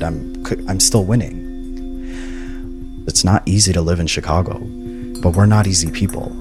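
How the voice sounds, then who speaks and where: Low-voiced earnest young man. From Palestine. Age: 20s. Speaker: housing case manager and graduate student. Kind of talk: reflective personal narration.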